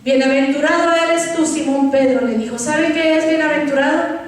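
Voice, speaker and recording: A woman's voice: high voice, steady tone, normal speed. A woman pastor preaching a fervent sermon in a church, often calling her listeners beloved. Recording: echoey church hall from far off.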